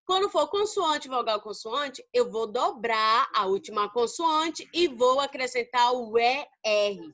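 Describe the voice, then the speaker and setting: Brazilian woman teacher, high-pitched and bright, fond and chatty, asks and answers her own questions. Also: expressive, measured pace. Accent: Brazilian Portuguese. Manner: affectionate, calls students babies. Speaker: English teacher. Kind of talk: recorded grammar lesson.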